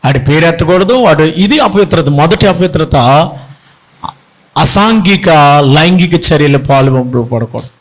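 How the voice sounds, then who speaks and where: A man's voice: a little high, lively intonation, a little slow, rough recording. A middle-aged man, a bishop, preaching a sermon emphatically and firing rhetorical questions at his congregation. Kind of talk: Telugu sermon.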